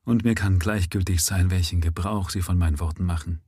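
A man's voice: low-pitched, fairly even intonation, a little fast, mellow, breathy edge, no echo, studio quality. A man reading aloud, voicing a dying male avenger who speaks earnestly in a raised voice.

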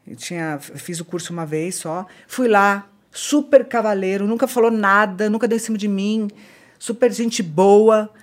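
A woman with a Brazilian accent, a podcast guest recounting a personal story in an earnest, halting way, often repeating herself. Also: mid-range voice.

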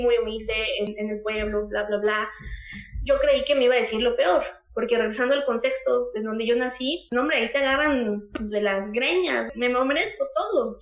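Young mexican woman, kinda high voice, emotional and halting, echoey room. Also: muffled recording. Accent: Mexican Spanish. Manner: emotional, halting, with many restarts. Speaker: speaker telling her own story. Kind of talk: personal testimony talk.

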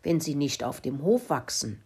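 Woman voicing a small thoughtful boy mouse, squeaky, storybook. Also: sing-song, normal speed, a little mellow, husky, exaggerated voice.

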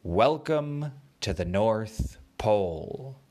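A friendly magical narwhal, as a male storyteller plays him, proud and eager to please. He talks with playful showmanship at an unhurried pace, in a bedtime story for children. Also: fairly low pitch, expressive, a little mellow, full character voice. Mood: welcoming.

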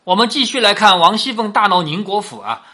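A man's voice: sits high, very animated, fairly quick, bright, forceful tone. A man hosting a show that explains a classic novel, retelling scenes in a colloquial storytelling style and often asking the listener rhetorical questions.

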